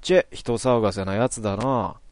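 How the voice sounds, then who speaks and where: A curt, rough-spoken young man from a horror game, as a man reads the part. His low, dry voice throws out short, gruff remarks. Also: normal speed, a little mellow, no echo, natural voice.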